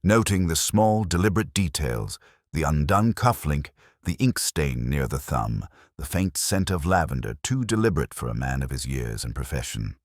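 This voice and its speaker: With an extremely low, exaggerated and expressive voice, a man plays a weary, reflective police inspector narrating his own case in a detective audio drama. His measured, literary phrasing is wry, melancholy and brooding. The sound is close and dry, with no room sound.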